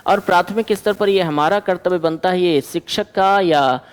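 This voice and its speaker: High-voiced male teacher, echoey room. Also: normal speed, clear, resonant tone. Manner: asks the class questions and answers them himself. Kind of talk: exam-prep lecture.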